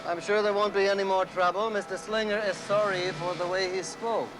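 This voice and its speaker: An actor playing a paternal male factory owner who smooths over trouble in a patronizing way, often ending lines with "eh?". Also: high voice, fairly even intonation, brisk, background noise, natural voice. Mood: placating. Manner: soothing, patronizing, tags lines with "eh?".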